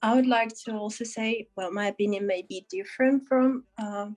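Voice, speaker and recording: Young woman from Russia, student panelist, thoughtful and measured. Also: fairly high pitch, a little mellow, faint music behind. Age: young adult. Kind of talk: student podcast discussion.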